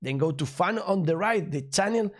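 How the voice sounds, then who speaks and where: Spanish guy doing upbeat news commentary in english, native spanish speaker, voice a bit high, kinda halting but punchy. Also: animated. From Spain. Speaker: crypto news channel host.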